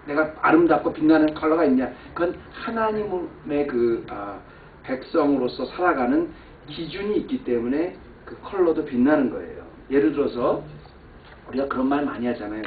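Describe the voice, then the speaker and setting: A man preaching a sermon as pastor, telling a personal story and swinging from quiet asides to loud exclamations. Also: medium pitch, a little hiss or hum. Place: church sanctuary. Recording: echoey church hall, far mic, phone-like band.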